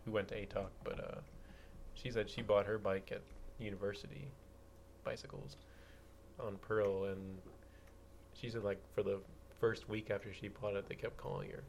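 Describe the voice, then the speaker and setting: A man with a lowish voice chats on a podcast, easygoing and rambling. He often restarts his sentences. Faint noise sits in the background. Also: level tone, moderate pace, pauses often. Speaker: podcast co-host. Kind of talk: casual chat.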